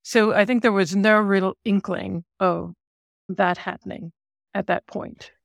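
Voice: mid-range voice, fairly even intonation, measured pace, creaky, no room sound. A podcast co-host who interviewed a researcher, explaining things in a thoughtful conversational way with some restarts.

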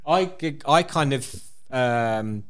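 A man's voice: medium pitch, expressive, very slow. A man in his late thirties from the UK in casual chat, explaining his points earnestly with lots of restarts. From United Kingdom. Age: 30s.

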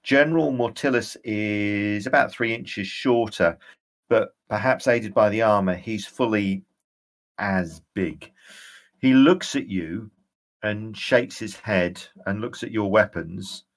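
Male game master, lowish voice, very slow halting narration, tabletop role-playing.

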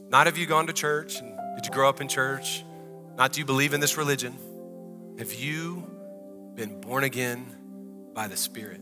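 A man from the American South with a Southern accent, preaching a conversational sermon in a church and rising to loud, drawn-out prayer. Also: mid-range voice. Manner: drawn-out, emphatic phrasing in the closing prayer. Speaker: pastor. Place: church hall.

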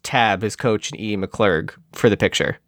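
A man co-hosting a podcast, chatting casually about a movie with quick, offhand asides. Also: lowish voice, fairly bright tone, dry recording, clean studio sound. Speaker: podcast co-host. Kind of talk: casual movie-review chat.

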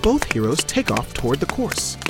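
A woman's voice: low-pitched, sing-song, normal speed, loud music behind the voice. A woman narrating the action in a dry, scripted way.

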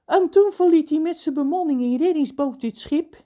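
A woman voicing a cursed, tearful male ship's cook in a children's audio story, with a high sobbing voice. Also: normal speed, warm tone, natural voice. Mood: chatty.

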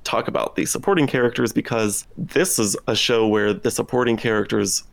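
A man with vocal fry, co-hosting a podcast in a conversational style about television. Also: medium pitch, brisk, dry recording. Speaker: podcast co-host. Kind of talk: conversational TV discussion.

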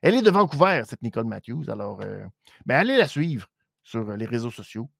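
A man with a Quebec French accent recapping a wrestling show in casual live-stream commentary, animated and mock-dramatic, with frequent hesitations. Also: medium pitch, brisk, creaky, dry recording, clean studio sound.

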